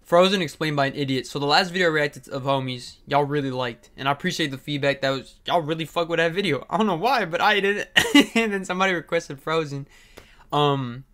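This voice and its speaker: A man's voice: a little high, brisk, a bit bright. A young man hosting a reaction video, talking in a laid-back, slangy, profane way. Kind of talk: casual reaction commentary.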